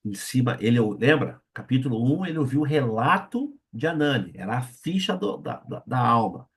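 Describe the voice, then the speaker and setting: A man's voice: medium pitch, animated, moderate pace, husky. A man with a Brazilian Portuguese accent, a pastor preaching a sermon and acting out the people in the story he tells. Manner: acts out the voices of the people in his story.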